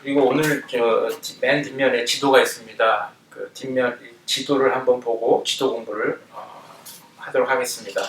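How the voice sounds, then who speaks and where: A man teaching a Bible study lesson in an explanatory way, often pausing with fillers as he explains. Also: medium pitch, fairly even intonation, a little hiss or hum. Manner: explanatory, with frequent fillers and hesitations. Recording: roomy, distant mic.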